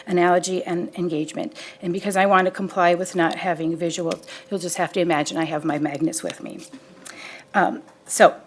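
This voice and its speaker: Veteran teacher reading a prepared comment, animated, lesson-style. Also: female voice, medium pitch. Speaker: teacher and parent giving public comment.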